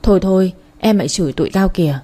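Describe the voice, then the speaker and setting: A woman voicing an idle male drinking buddy who jeers and makes excuses, speaking quickly. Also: fairly low pitch, dark tone, lightly acted. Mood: jeering. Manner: jeering, defensive.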